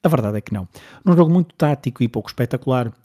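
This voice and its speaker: A man's voice: medium pitch, animated, racing, warm tone. A man with a European Portuguese accent reading a scripted documentary-style sports narration.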